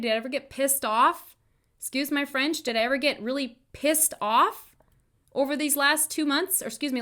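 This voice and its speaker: On her solo motivational podcast, a chiropractor and wellness coach addresses listeners directly in an informal, emphatic way, often repeating phrases to drive points home. Her voice is a little high and fairly bright.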